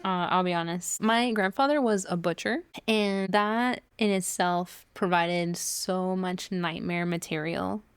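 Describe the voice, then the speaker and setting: Low-voiced woman from Cuba, chatting. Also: measured pace, hardly any pauses, clean tone, no room sound. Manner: laughs often, storytelling. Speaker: podcast co-host. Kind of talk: casual chat.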